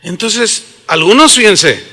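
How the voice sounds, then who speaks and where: An older man with a Mexican Spanish accent, preaching a sermon in a large church auditorium and telling stories in an animated way. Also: sits high, takes it slowly. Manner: animated storytelling, acts out voices. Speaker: pastor. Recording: long hall reverb.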